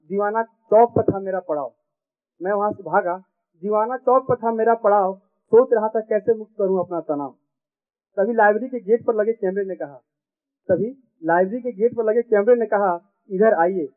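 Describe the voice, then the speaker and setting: High-voiced man reciting comic verse. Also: moderate pace. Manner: repeats each verse line twice for effect. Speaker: poet performing on stage. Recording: tinny phone-like sound.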